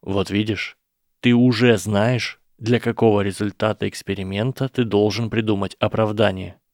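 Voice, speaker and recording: A man voicing an earnest boy wizard who explains things in a measured, persuasive way. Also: fairly low pitch, steady tone, a little mellow, no room sound, clean studio sound, lightly acted. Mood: reasoning. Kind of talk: audiobook character voice.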